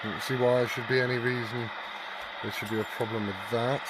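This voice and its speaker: The recording is very noisy, and the man's medium-pitched voice is flat and fairly quick. He hosts a hobbyist repair vlog, working hands-on in an informal, sweary way while muttering to himself.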